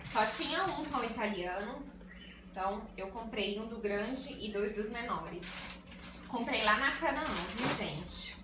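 Uma jovem mulher conversando com quem assiste enquanto cozinha e explica cada passo de uma receita na cozinha de casa. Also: female voice, on the high side, animated, unhurried, very noisy. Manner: chatty, explains each step to viewers. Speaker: cooking vlogger. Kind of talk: casual cooking vlog. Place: small tiled home kitchen. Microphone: phone on a tripod. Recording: echoey room, distant phone mic, background music.

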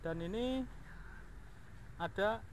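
Filmed on an outdoor action camera in a house yard, a man gives viewers a relaxed, colloquial tour of his motorbike as a motovlog host. His voice is high and slow, the recording low-quality with clear background noise.

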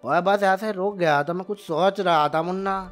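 A man's voice: sits high, normal speed, soft background music. A man playing Roblox as a gaming YouTuber, talking in casual, bossy Hindi banter. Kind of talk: Roblox let's play.

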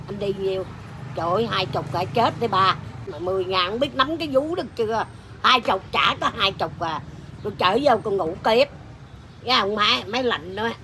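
Brash woman, troupe performer, crude comic storyteller, sharp voice. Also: mid-range voice, a little hiss or hum. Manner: crude, blunt and animated, laughing often. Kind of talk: casual comic anecdote.

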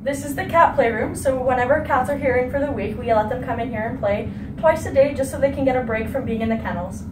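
Speaking fast in a high voice, a young woman student guides a tour through the rooms of a veterinary teaching clinic, describing each one in a plain, matter-of-fact manner. The background is noisy.

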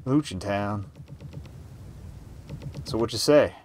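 A man's voice: fairly low pitch, takes it slowly, a little mellow, a little hiss or hum. A man voicing a grizzled, wheedling town drunk in a Western game, with folksy, rambling talk.

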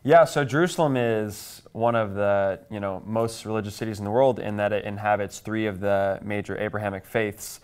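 He's an interview guest in his twenties from Kansas, answering conversationally in an American accent. His voice is low-ish, steady, clear and resonant, at a moderate pace with few pauses, picked up by a lapel mic in a small indoor TV studio.

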